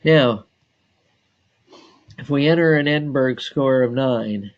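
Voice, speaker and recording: Slow, deliberate man giving a software walkthrough. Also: medium pitch, muffled recording. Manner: slow and deliberate, many filler pauses. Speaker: software trainer. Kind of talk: screen-share software tutorial.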